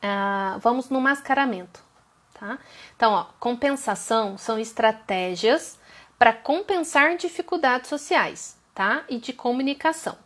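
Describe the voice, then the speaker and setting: Chatty Brazilian woman teaching, high voice. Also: animated, unhurried, fairly bright tone. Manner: chatty, often checks in with "ok?" and "tá?". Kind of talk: informal online lecture.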